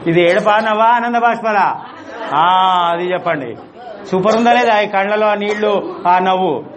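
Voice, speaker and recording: A man's voice: high-pitched, normal speed, crowd noise. A man teaching a spiritual class, playful and laughing as he keeps asking his audience questions.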